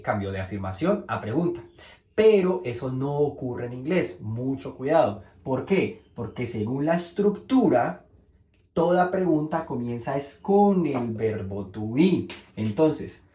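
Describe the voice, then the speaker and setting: A man whose first language is Spanish explains English grammar in a teacher's patient, step-by-step manner, slowing down to say each example sentence. His voice is mellow and warm, in a middle register, and the room around him rings with echo. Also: mid-range voice, sing-song. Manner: slows down to model English sentences.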